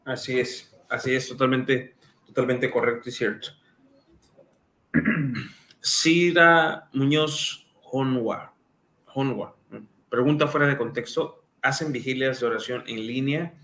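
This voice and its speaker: A man's voice: mid-range voice, fairly even intonation, a little slow, pauses often, a bit bright. Man, live-stream host, mid-range voice, casual and filler-heavy, roomy echo. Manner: conversational, reads out comments, lots of fillers. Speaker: live-stream host answering viewer questions.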